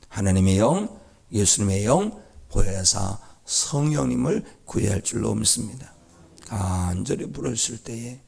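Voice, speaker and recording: A male pastor delivers a dawn prayer service sermon in a church. His voice is gravelly with a rough edge, and his tone is fervent and emphatic. He climbs into a higher register whenever he acts out a prayer. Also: a little mellow. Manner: fervent and emphatic; rises high when acting out prayers. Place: church sanctuary.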